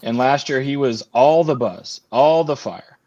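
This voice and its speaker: A man's voice: medium pitch, measured pace, darkish tone, dry recording. A man talking fantasy football as a podcast guest in casual chat, rambling with lots of fillers and restarts. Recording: dull lo-fi remote audio.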